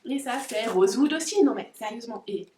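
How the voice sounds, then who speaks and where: A young woman talks through a dog-toy unboxing, chatty and giggly, stopping now and then to speak to her dogs. Her voice sits a little high, and the camera mic picks her up from a few steps back. The home room adds a roomy echo and a faint hiss. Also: animated, fairly quick, darkish tone. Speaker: pet vlogger. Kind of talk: casual unboxing chat. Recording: roomy, distant camera audio.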